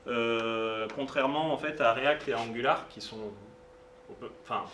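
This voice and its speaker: A man's voice: medium pitch, normal speed, fairly bright tone. A man giving a live technical talk at a meetup, speaking informally and hesitantly with many fillers and asides. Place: meetup room. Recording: roomy sound, distant mic, faint noise.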